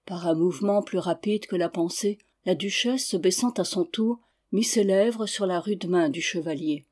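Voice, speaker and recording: A narrator reading a historical novel aloud in an even, measured way. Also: mid-range voice. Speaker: audiobook narrator.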